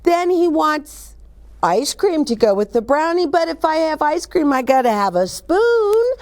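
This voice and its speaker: With a high-pitched, very animated, slightly mellow voice, an older woman speaks a little slowly as she hosts a children's story time. She reads aloud, chats expressively about picture books, and addresses questions directly to the young audience.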